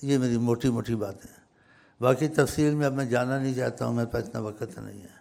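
Gravelly older man preaching. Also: medium pitch, steady tone. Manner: rambling, emphatic, swings between loud stresses and soft drops. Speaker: religious speaker. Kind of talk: informal sermon.

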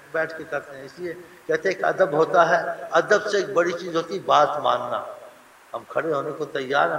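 A man preaches with earnest emphasis, his voice bright and forceful. He sits a little back from the mic in a roomy hall with a long reverb. A faint hum of room ambience lies underneath. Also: fairly high pitch, creaky. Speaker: religious preacher. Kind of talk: sermon. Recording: roomy hall, heard from a distance.

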